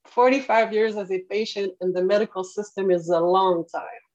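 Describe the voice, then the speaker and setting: With a medium-pitched, steady, darkish voice and moderate pace, a French Canadian woman of about forty-eight or so, in her late forties, gives heartfelt answers as an interview guest and patient partner on a podcast. The sound is narrow-band and slightly dull.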